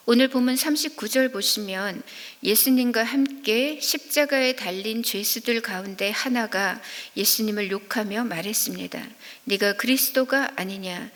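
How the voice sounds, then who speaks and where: A woman evangelist giving a sermon at a midweek prayer service, speaking in an earnest, measured preaching manner. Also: on the high side, a bit bright. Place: church sanctuary. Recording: long reverb of a church hall.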